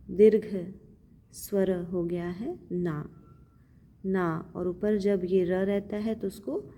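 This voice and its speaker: A woman's voice: medium pitch, warm tone. A woman teaching Sanskrit recitation, patiently breaking words into syllables and repeating them. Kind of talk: slow syllable-by-syllable teaching of a hymn.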